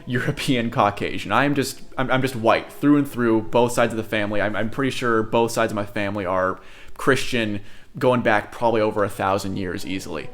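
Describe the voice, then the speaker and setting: A young American man, the host of a channel, introduces it directly to camera in a casual, chatty and earnest way, full of fillers and asides. His voice is medium-pitched with a fairly bright tone.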